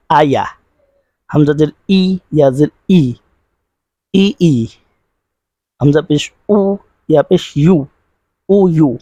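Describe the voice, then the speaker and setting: A man's voice: on the high side, darkish tone, no echo. A man teaching the pronunciation of Arabic letters and vowel marks, sounding out each syllable and repeating it. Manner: slow drilled syllable-by-syllable recitation. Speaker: Quran recitation teacher. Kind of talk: online pronunciation lesson.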